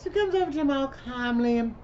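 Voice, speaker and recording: A woman's voice: high-pitched, expressive, brisk, darkish tone. Chatty woman rambling through a movie recap. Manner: chatty, rambling storyteller who chimes in with her own reactions. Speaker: vlogger. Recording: slightly muffled with faint background hum.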